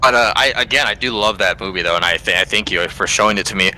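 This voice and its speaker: A man's voice: on the low side, fast talker, bright, forceful tone, low-quality recording. A man co-hosting a casual podcast, retelling a movie plot in a rambling, filler-heavy way. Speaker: podcast co-host. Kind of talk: casual movie recap chat.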